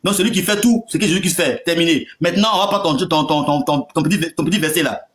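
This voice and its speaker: Man, high pitch, echoey room, heated religious debate, insistent, stutters and repeats. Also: fairly bright tone. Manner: insistent, repeats words, reads scripture slowly.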